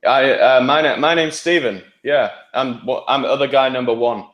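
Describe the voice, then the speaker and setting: A man's voice: medium pitch, normal speed, a bit bright. A man chatting casually as a podcast panellist, with a roomy, echoing sound. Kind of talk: casual chat about TV shows.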